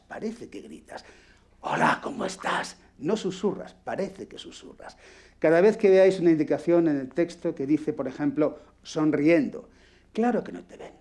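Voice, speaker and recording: A man's voice: on the high side, warm tone. A man with a Peninsular Spanish accent teaching a radio acting workshop, blunt and foul-mouthed, demonstrating as he talks. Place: workshop room with microphone.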